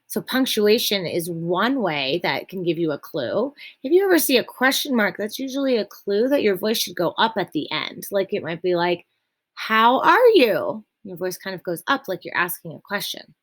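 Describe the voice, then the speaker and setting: A young woman teacher walks children through a reading lesson, patient and clear in her explanations. She slows down to make each point and reads passages aloud with plenty of expression. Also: mid-range voice, animated.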